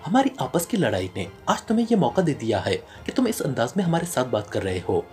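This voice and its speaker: A man voicing a defeated woman agency chief, speaking quickly and pleadingly in an audio novel. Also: mid-range voice, wildly swooping pitch, darkish tone, faint music behind, voice pushed down.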